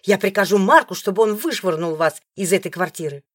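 A woman doing a shrill, brash screaming wife. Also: very animated, extremely slow, slightly rough, dry recording, studio quality, exaggerated voice. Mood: sneering. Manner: yelling, loud and shrill. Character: brash, shrieking young wife, rude and bossy. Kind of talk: audiobook character voice.

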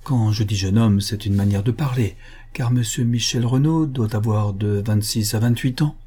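A man's voice: on the low side, moderate pace, warm tone, breathy edge. A man voicing a talkative male concierge who is deferential and emphatic, eager to reassure his listener. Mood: obliging.

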